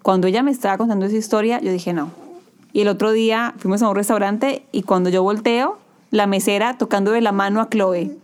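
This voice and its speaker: A woman in her thirties, a new mother, chatting casually and telling stories with lively acted-out quotes. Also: medium pitch, brisk. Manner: animated storyteller, acts out quoted voices. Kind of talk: casual chat.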